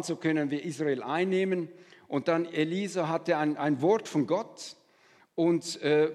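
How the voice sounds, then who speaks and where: A man's voice: a little high, darkish tone, long reverb tail. A man preaching a sermon as pastor, speaking in an earnest, conversational way and addressing listeners directly.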